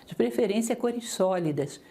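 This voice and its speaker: A woman lecturer teaching public speaking, talking straight to her listeners with lively, varied intonation. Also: medium pitch, moderate pace. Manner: didactic, lively intonation, addresses listeners directly.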